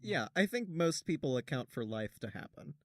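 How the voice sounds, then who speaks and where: A young man co-hosting a podcast in casual chat, backing others up often and tossing in quick jokes. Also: a little high, sing-song, dry recording, studio quality. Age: young adult. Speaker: podcast co-host.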